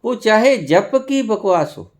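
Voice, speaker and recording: Slow, lively-pitched Indian spiritual preacher man. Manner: slow, expressive preaching with sudden emphatic rises. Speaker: spiritual teacher. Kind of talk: spiritual discourse.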